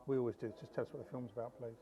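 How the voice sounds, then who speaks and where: A fast-talking man interviews a filmmaker at a film festival. He is chatty and jokey, and he often trails off to rephrase his questions. Faint ambience hums behind him. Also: medium pitch, steady tone, muffled recording, slight background noise.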